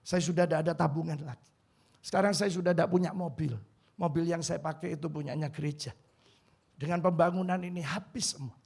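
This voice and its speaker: A pastor in his fifties preaching a sermon in a church hall, emotional and pleading, swinging from quiet to loud. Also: a little high, fairly even intonation, fairly quick, gravelly.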